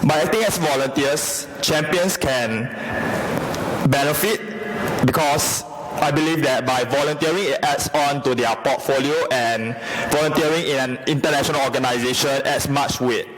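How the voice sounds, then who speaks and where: A man's voice: mid-range voice, moderate pace, noisy background. A young man from Singapore, giving a formal, methodical stage presentation as a youth forum presenter. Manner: steady, methodical, structured delivery.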